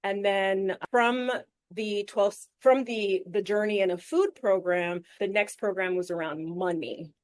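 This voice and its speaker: A woman from the Caribbean speaking as a podcast guest at a middle pitch. She is frank and energetic about her own story and drops casual swear words. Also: a little slow. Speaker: life coach, podcast guest. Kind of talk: candid interview conversation.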